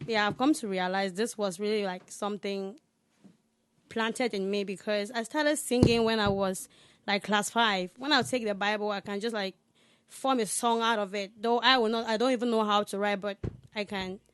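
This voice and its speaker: A woman's voice: medium pitch, fairly even intonation, moderate pace, clean tone. A young woman, a singer who is a guest on a radio interview in a studio. She talks earnestly and often says "like". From Cameroon. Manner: earnest, with casual "like" fillers.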